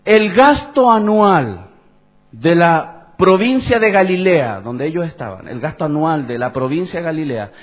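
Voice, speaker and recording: A pastor, preaching conversationally and asking the congregation questions. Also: male voice, a little high. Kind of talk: sermon. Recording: dull lo-fi church recording.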